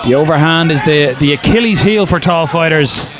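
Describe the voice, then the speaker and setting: High-pitched Irish man calling fights excitedly. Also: normal speed, loud music behind the voice. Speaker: lead fight commentator. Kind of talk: live sports commentary. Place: indoor arena. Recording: live arena commentary over crowd noise.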